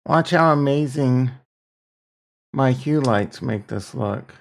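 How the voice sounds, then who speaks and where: A man chats casually as host of his livestream in a gravelly morning voice full of vocal fry. He takes his time, rambling along in loose slang and poking fun at himself. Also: mid-range voice, takes it slowly. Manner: rambling, self-deprecating, slangy, says brother. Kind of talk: casual chat to livestream viewers.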